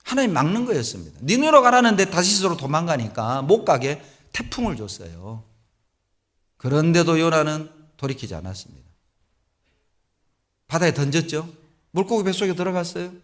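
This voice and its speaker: A middle-aged male pastor preaching a sermon in a church, telling Bible stories with animated delivery. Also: fairly high pitch, moderate pace. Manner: animated storytelling, acts out biblical voices. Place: church sanctuary.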